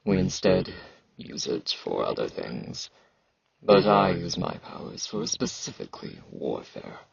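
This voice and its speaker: In an intimate ASMR roleplay, a man voices a blunt, awkward fantasy knight and warrior, halting and dryly dismissive, with a low, gravelly, husky tone and sibilant S sounds. The performance is heavily acted, and the recording's highs are cut off.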